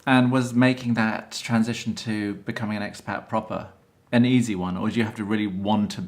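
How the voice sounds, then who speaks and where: A man's voice: fairly low pitch, steady tone, a little fast, a little mellow. A man hosting an interview show, asking chatty and inquisitive questions with frequent interjections. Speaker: host, fashion photographer. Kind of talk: conversational interview.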